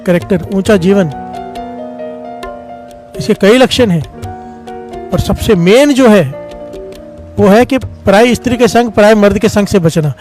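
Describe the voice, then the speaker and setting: A man's voice: sits high, unhurried, long pauses, a little mellow, soft background music. A man giving a Sikh katha sermon, telling stories and calling out responses from the congregation. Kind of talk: devotional sermon with storytelling.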